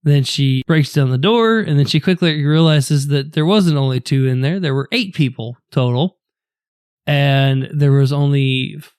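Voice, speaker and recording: A man's voice: fairly high pitch, unhurried, a little mellow, clear, resonant tone, no room sound, clean studio sound. A man co-hosting a podcast, chatting casually in a laid-back, rambling way with filler words. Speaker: podcast co-host.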